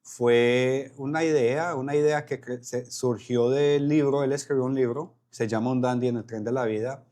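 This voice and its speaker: A man's voice: medium pitch, fairly even intonation, normal speed, hardly any pauses, a little mellow. A man, a podcast guest telling his story with frequent restarts and repeated words. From Colombia. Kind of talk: casual interview conversation.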